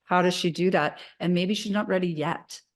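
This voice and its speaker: A woman's voice: lowish voice, normal speed. Chatty woman interview host. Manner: enthusiastic, chatty, many fillers and restarts. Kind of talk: casual interview talk.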